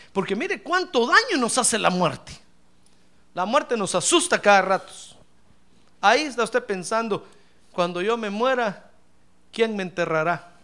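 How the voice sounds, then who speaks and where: Animated man preaching a sermon. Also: high voice. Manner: animated preaching, calls listeners brother, acts out complaints; jokes with the congregation. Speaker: pastor.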